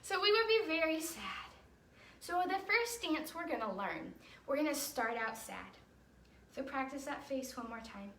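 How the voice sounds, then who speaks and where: A woman with a high, very lively voice, a children's ballet teacher and storytime host, leads a dance lesson for kids at normal speed. She's encouraging, explains each thing simply, and often checks in with her young pupils. The recording is roomy and echoing, from a distant mic, with faint noise.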